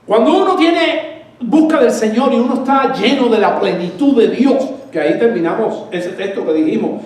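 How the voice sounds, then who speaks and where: A man with a high voice preaches a sermon in a church and keeps putting questions to his congregation. The hall rings with heavy echo, and he sounds a little far from the mic. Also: normal speed, darkish tone. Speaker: pastor.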